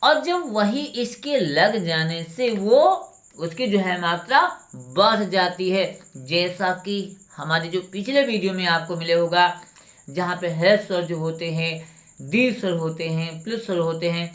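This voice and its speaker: A woman's voice: lowish voice, measured pace. A woman teacher going through a spelling lesson, reading each word aloud and then correcting it with a question. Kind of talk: spelling lesson for exam students.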